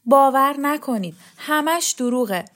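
A woman voicing an anxious young girl who pleads in hurried, tearful bursts in an audio storybook. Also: high-pitched, lively intonation, fairly bright tone, pitched above the performer's own voice. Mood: anxious pleading.

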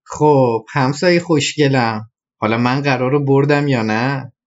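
A meek, apologetic village husband from a storybook, as a woman reads him in a lowered voice. He sounds sheepish and a little distant. The recording is slightly muffled. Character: simple-hearted village husband Hans, middle-aged man.

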